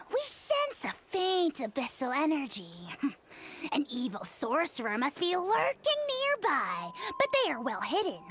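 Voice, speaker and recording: A woman voicing a pompous tiny male dragon lord in a video game, grandiose and imperious with cackling laughs. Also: high-pitched. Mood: condescending. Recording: game audio with loud music.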